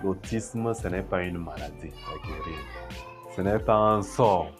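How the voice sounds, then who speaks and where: A man, a special educator and teacher trainer, explains in a measured way in a documentary interview. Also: deep voice, loud music behind the voice.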